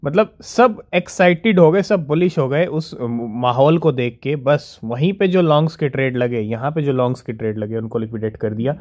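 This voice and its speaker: A man giving casual crypto news commentary, reading English headlines slowly and explaining them in Hindi, often checking in with "theek hai?". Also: mid-range voice, darkish tone. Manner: keeps asking "ठीक है?" to check in with viewers.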